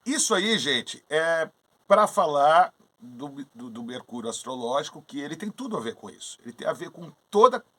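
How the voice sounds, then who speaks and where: A man's voice: a little high, moderate pace. A man in casual conversation retelling an old myth, acting out the characters' lines as he goes. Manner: animated, acts out characters' lines in the story. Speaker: astrologer co-host. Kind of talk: casual storytelling chat.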